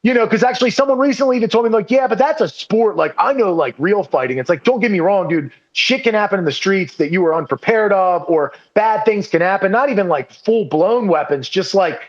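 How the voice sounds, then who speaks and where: A man under 40, a podcast guest, rambles through casual chat, self-deprecating and swearing freely while saying "dude" and "like" constantly. His high voice is animated and fairly quick with hardly any pauses, and the sound is lo-fi.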